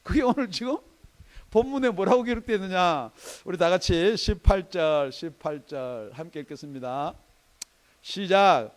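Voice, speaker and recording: A man preaching a sermon as pastor in a church, emphatic, asking rhetorical questions and swinging between loud and soft. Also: sits high, lively intonation, moderate pace. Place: church sanctuary.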